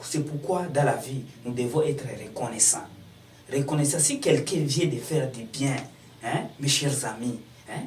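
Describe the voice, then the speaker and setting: A man's voice: mid-range voice, a little mellow, slight background noise. A man hosting a casual talk, affirming his guest and dropping in English fillers. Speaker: host. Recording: echoey room, far from mic.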